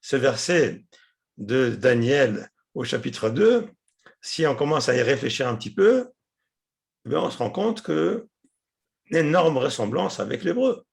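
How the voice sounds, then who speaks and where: Gravelly animated man teaching a class. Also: mid-range voice, unhurried. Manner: explanatory, repeats words, many hesitations. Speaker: Hebrew teacher.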